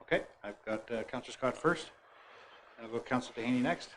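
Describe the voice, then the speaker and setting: A man chairing a town council meeting, running through motions briskly with fillers and restarts. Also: medium pitch, a bit bright, a little hiss or hum, low-quality recording.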